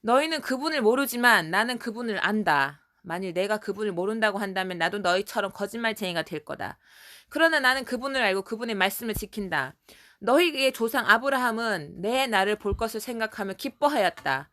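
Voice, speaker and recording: A woman's voice: mid-range voice, animated, brisk, sharp tone. A woman voicing a stern, solemn man who rebukes a crowd in a storybook retelling, firm and declaiming.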